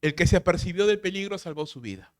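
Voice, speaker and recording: A man pastor preaching a sermon, emphatic and full of rhetorical questions, swinging from loud to hushed. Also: high-pitched, animated, fast talker.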